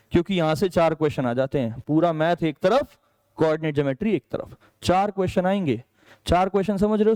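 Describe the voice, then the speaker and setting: A male maths teacher from India walks students through an exam strategy, his high voice clear and ringing. He talks in a chatty, encouraging way, checks in with the class often, and mixes English subject terms into his Hindi. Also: a little mellow. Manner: chatty, checks in with "ठीक है", calls students "बेटा".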